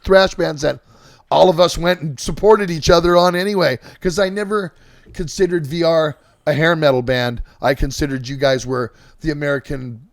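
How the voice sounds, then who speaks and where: A man with a gravelly, rough-edged voice hosts a loose, enthusiastic interview, rambling and cursing casually. The sound is dry and close. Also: a little high, steady tone, normal speed, dry recording. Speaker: podcast host.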